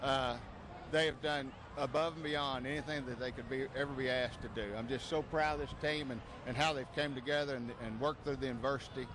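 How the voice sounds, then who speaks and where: A man's voice: mid-range voice, fairly even intonation, fairly quick, background noise. A man in his fifties speaking proudly and emphatically in an interview outdoors on an open field, into a handheld mic. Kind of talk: casual interview answers.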